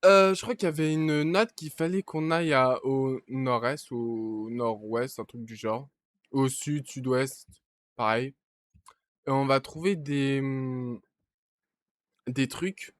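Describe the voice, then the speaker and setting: A young streamer talks to himself through a casual let's-play, now and then letting out panicky yelps and shouts and swearing. His medium-pitched voice moves slowly, with frequent pauses.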